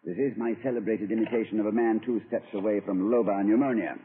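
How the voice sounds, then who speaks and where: An actor playing a whimsical, pompous middle-aged college president, talking in playful, flowery phrases in a 1940s radio comedy. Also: male voice, lowish voice, steady tone, fast talker, slight background noise, close to an everyday voice. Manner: grandiloquent, playful, poetic flourishes. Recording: tinny old radio broadcast.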